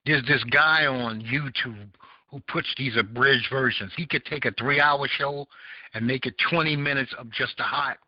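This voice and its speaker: Rambling through casual call-in chat on his podcast, a Southern American host keeps reaching for words and leaning on fillers. His mid-range voice moves at normal speed, with no room sound in the dull lo-fi recording.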